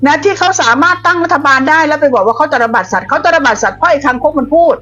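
A woman's voice: high-pitched, animated, very fast, a bit bright. A woman giving a blunt, combative political commentary monologue, scolding her opponents. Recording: dull lo-fi audio with faint music.

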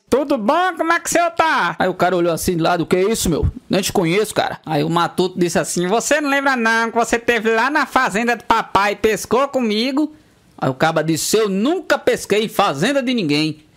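A male comedian from Northeast Brazil telling a run of jokes about country folk, jumping into character voices for the punchlines. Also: fairly quick. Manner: lively storyteller, jumps into squeaky character voices. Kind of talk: joke telling.

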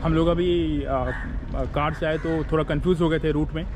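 A man's voice: a little high, steady tone, moderate pace, noisy background. Man vlogging at a ferry terminal. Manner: explains step by step, mixes in English phrases. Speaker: travel vlogger. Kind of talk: casual travel vlog narration. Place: outdoor ferry terminal and car deck.

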